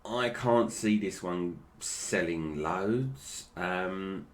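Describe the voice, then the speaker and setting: A man's voice: low voice, drawn-out words. A British man giving casual, unscripted toy review commentary, with slightly slurred, toothless articulation that stumbles over names.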